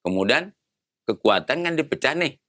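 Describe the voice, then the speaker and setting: A man's voice: medium pitch, big pitch swings, normal speed, fairly bright tone, dry recording, studio quality. A man in his sixties, a retired navy admiral, explaining patiently in a casual interview and posing rhetorical questions. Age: 60s.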